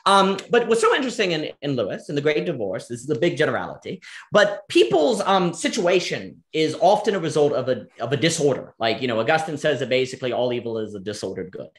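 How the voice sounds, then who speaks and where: A man's voice: on the high side, big pitch swings, fast. A man, a guest in a casual philosophical conversation, thinking aloud with lots of fillers and restarts. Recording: roomy, echoey room sound.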